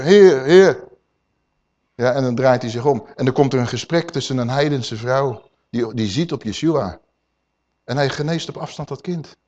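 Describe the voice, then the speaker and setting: A man preaching a sermon, emphatic and swinging between loud and hushed, calling his listeners dear people. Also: mid-range voice, muffled recording.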